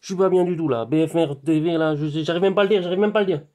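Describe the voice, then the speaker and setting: A man from France records a rambling vlog outdoors in his garden, talking at a fast clip and circling back over his own phrases. His voice sits a little high but has a mellow, relaxed timbre. He addresses the viewer warmly as a friend, with animated, repetitive emphasis. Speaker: hypnotherapist vlogger. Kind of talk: rambling direct-to-camera monologue.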